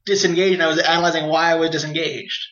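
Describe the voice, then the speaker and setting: High, bright-voiced young man, halting. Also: little pitch movement. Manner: hesitant, repeats words when starting. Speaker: podcast co-host. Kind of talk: casual film discussion. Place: apartment with open windows. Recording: roomy, dull lo-fi sound.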